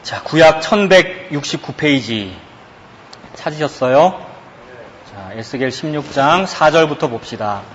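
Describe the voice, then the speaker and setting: A man preaches from the pulpit with emphasis, often asking his congregation rhetorical questions. His voice sits slightly high for a man. The recording carries a long reverb from the church hall, with a faint hiss underneath. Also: expressive, measured pace, muffled recording. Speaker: pastor. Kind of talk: sermon.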